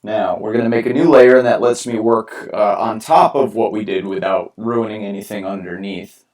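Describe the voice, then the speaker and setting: A man's voice: lowish voice, steady tone, moderate pace, darkish tone, far from the mic. A young man from New York, casually rambling with many fillers and restarts as he paints on a live stream. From New York, USA. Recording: roomy sound from away from the mic.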